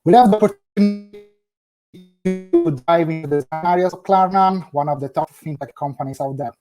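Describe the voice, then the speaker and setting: A man with a slightly high voice speaks fairly quickly over loud background music. He hosts an interview podcast by video call, offering friendly, brief question prompts with some fillers.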